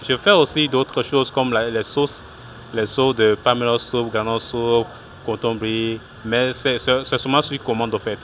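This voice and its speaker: A man's voice: mid-range voice, fairly even intonation, normal speed, a bit bright, a little hiss or hum. A man from Togo, a cook who runs a small food business, answering interview questions outdoors in a hesitant way with many restarts. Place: outdoors at a street food stall in a city.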